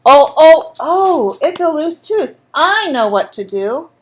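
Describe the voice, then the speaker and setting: Emphatic storybook dad, read by a woman; lively and a bit raised in pitch. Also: slow pace, heavily acted. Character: determined father of a young boy.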